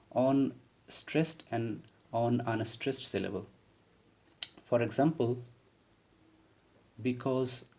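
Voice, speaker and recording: A man's voice: medium pitch, a little mellow. A man giving a recorded literature lesson on a poem, explaining terms step by step in a methodical way. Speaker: literature lecturer. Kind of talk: recorded poetry lecture.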